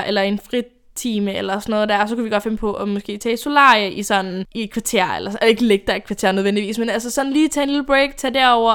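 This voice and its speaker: Young female podcast host telling stories, chatty and rambling, smooth clear tone. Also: on the high side. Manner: rambling, chatty, laughs often. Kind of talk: casual storytime chat.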